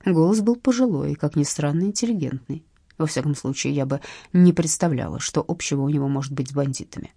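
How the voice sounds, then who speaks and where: A woman narrating a first-person audiobook in an expressive, lively reading. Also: deep voice, fast, gravelly, slightly rough, dry recording.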